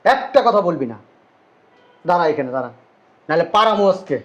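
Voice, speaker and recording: A man's voice: sits high, big pitch swings, a little fast, dull audio. A man playing a furious brother back from abroad. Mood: scolding. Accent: Bangladeshi Bengali. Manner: angry, scolding, rhetorical questions. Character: furious man returned from twenty years abroad. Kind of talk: amateur short drama acting.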